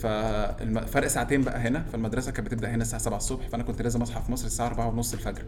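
Young egyptian dude telling stories on a podcast, really quick, chatty casual style. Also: male voice, mid-range voice, flat delivery, music in the background. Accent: Egyptian Arabic. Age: young adult. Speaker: podcast co-host. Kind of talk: casual storytelling and banter.

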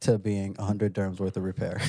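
A man co-hosting a podcast, telling a story in a casual, animated way. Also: deep voice, fairly quick, husky, no room sound. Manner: animated storyteller who acts out other people's lines. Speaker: podcast co-host.

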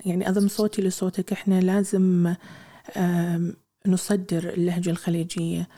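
A woman hosts the conversation in a calm, measured way. Her delivery stays level with little melody, and her tone is mellow and soft-edged. She keeps her replies short. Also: on the low side. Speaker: interviewer, host. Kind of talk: interview questions and short affirmations.

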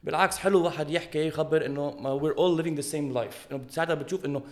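A man's voice: a little high, steady tone, rapid-fire. A man with a Levantine Lebanese Arabic accent, chatting casually as a podcast co-host and mixing English phrases into his Arabic. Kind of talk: casual chat.

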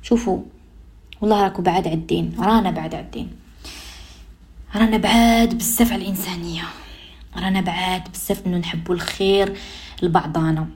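A woman's voice: on the low side, steady tone, fast talker, long pauses, a little mellow. A woman radio host with an Algerian Arabic accent giving an emphatic, repetitive, admonishing advice monologue. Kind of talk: advice monologue on social behavior.

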